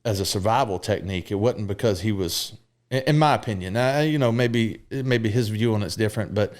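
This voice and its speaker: Frank man in his thirties, lower-pitched. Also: brisk. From Mississippi. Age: 30s. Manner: frank and open, peppered with fillers and profanity. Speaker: podcast guest. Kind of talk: candid conversational storytelling.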